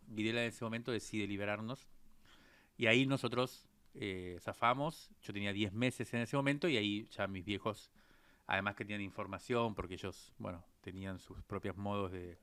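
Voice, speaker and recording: A man in his fifties from Argentina, with an Argentine Spanish accent, tells his life story as a guest in an interview, reflective and full of hesitant fillers. His voice sits on the low side and sounds a bit bright and clean, with no echo.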